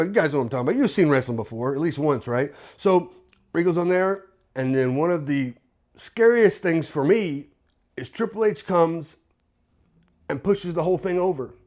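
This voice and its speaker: A man, a former pro wrestler, telling behind-the-scenes stories in a casual, animated vlog, acting out voices and sound effects. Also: on the high side.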